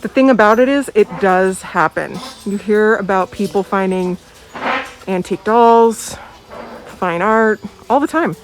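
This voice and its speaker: A woman's voice: mid-range voice, a little slow. An American woman chatting casually as a vlogger, her voice muffled by the face mask over her mouth. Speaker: vlogger, doll dealer. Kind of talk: casual chatty vlog narration. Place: inside a thrift store. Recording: muffled voice, faint background noise.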